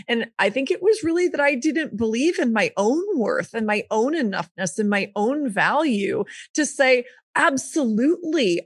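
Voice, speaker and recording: In a candid conversational interview, a woman in her fifties who works as a coach and speaker talks frankly and emphatically as a podcast guest, now and then swearing. Her medium-pitched voice comes through clean and studio-quality, with no echo.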